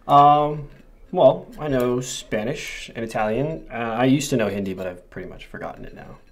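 A man's voice: medium pitch, close to an everyday voice. A young man playing an awkward, hesitant date in a naturalistic short film, recorded at a distance with some room noise and cutlery. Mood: awkward, guarded. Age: young adult. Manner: halting, hesitant. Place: indoor dining table.

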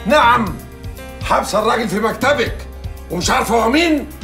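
An actor playing an office boss who speaks Egyptian Arabic in a brisk, commanding way, sometimes calming, sometimes firm. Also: male voice, very high-pitched, heavily acted. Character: middle-aged male office boss, commanding. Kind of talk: TV drama acting. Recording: music playing under the scene.

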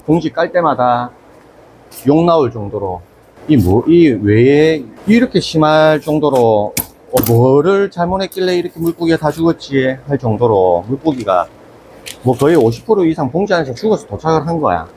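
A man's voice: fairly high pitch, moderate pace. Gyeongsang guy telling a story in his vlog, voice jumps up and down a lot, noisy background. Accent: Gyeongsang Korean. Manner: animated, retells his own angry exchanges. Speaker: aquarium business owner.

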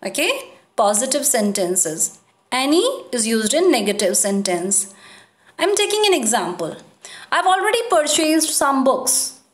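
A woman teacher explaining grammar step by step, repeating points and checking in with her students. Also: high-pitched. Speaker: school teacher. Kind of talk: grammar lesson. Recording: echoey room.

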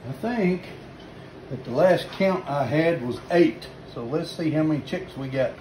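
A man's voice: a little high, a little slow, background noise. A man, chatting folksy and casual while filming himself on a phone at a farm. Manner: folksy, chatty, says y'all. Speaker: homesteading vlogger. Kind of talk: casual how-to vlog. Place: farm barn and backyard outdoors. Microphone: phone camera at arm's length.

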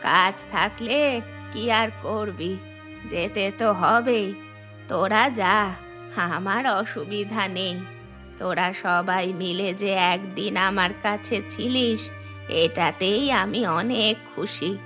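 Slow, bright and forceful, a medium-pitched woman voices an older widowed mother-in-law in a cartoon, lamenting and scolding in a sorrowful mood. It's a studio recording with music underneath.

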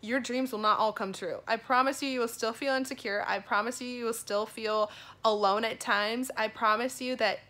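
A woman's voice: on the high side, fairly even intonation, moderate pace, a bit bright. A young woman gives a casual motivational talk to camera in an earnest, emphatic, informal way. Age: young adult. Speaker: vlog host giving an encouragement message. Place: small indoor room at home. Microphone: phone at arm's length.

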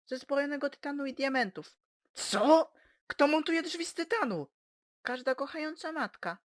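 A woman's voice: expressive, normal speed, no room sound, clean studio sound. A woman doing a fussy, flustered mayor. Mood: prim. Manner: high, fretful and prim. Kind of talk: parody cartoon dub. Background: music.

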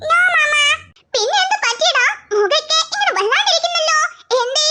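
A woman's voice: very high voice, expressive, normal speed, bright, forceful tone, slight background noise. A woman voicing a doting, protective young mother in a cartoon, talking in a fussy, indignant way.

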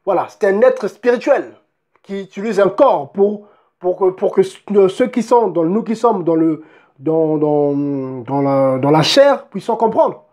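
A man's voice: high voice, expressive, measured pace, dark tone. A man preaching a sermon and reading Bible verses, emphatic, often asking his listeners if they see, and restarting words as he goes.

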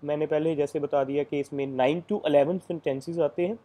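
Man, exam coaching teacher, casual lecture, warm tone, step-by-step with fillers. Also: a little high, steady tone, fairly quick. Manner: explains step by step, many fillers.

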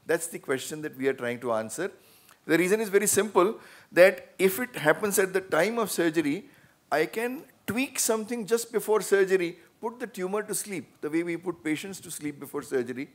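A man, a surgeon speaking on a panel in an auditorium. He explains earnestly into a handheld mic, with sudden emphatic bursts. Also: a little high. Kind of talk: panel discussion answering questions. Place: large auditorium stage. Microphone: handheld microphone.

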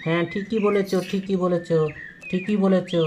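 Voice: mid-range voice, flat delivery, moderate pace, lightly acted. A performer voicing a good-natured village father who soothes and coaxes his baby. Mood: cheerful. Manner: coaxing, soothing baby talk. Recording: loud background noise.

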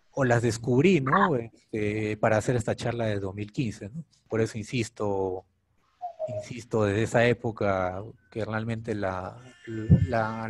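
A man's voice: lowish voice, a little hiss or hum. A middle-aged man, a doctor giving medical students an informal online lecture and tagging his sentences with a questioning "no?". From Peru. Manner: conversational, keeps asking "¿no?".

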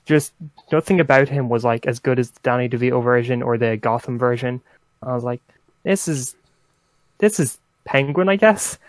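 A man's voice: medium pitch, normal speed, no room sound. A young man co-hosting a casual rewatch podcast, hesitant with many ums and wry little laughs. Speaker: podcast co-host. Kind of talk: casual chat.

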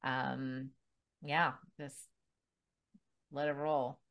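A woman hosting a podcast in casual interview chat, bubbly and quick to laugh, with many restarts. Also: very deep voice, little pitch movement, dull audio. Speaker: podcast host.

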